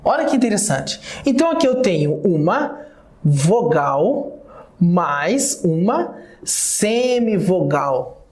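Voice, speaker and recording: Slow, deliberate Brazilian man teaching. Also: sits high, big pitch swings. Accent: Brazilian Portuguese. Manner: explanatory, addresses viewers often with "olha só" and "galera". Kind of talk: recorded video lecture. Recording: roomy classroom echo.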